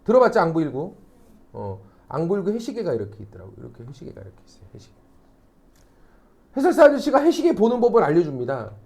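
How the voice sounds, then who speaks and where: A middle-aged academy teacher tells anecdotes to his class, teasing and mocking with asides and constantly checking that students are following. He talks fast in a high, darkish voice with vocal fry, and his pitch swoops wildly.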